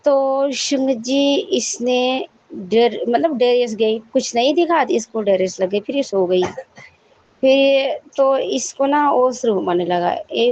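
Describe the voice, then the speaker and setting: A woman's voice: on the high side, darkish tone. A woman recounts a devotional testimony with a slightly raised voice. She talks straight to the congregation as sangat ji and stops now and then to apologize and set a detail right. The recording is dull and lo-fi. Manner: storytelling, often addressing listeners as sangat ji; apologetic self-corrections mid-story.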